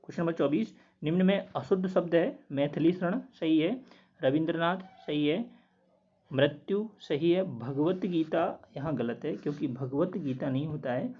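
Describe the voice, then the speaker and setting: A man working through quiz answers as a teacher, steadily repeating each word slowly to explain it. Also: on the high side, husky. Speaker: Hindi test teacher. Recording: dull lo-fi recording.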